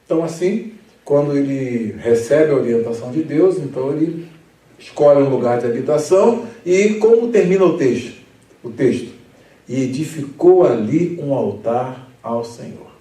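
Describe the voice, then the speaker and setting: A pastor teaches a Bible study in a mellow, darker voice. He explains patiently and slows right down to read scripture with emphasis. He sounds a little far from the mic, in an echoey room. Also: a little high. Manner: explains patiently, reads scripture slowly and emphatically, chuckles often.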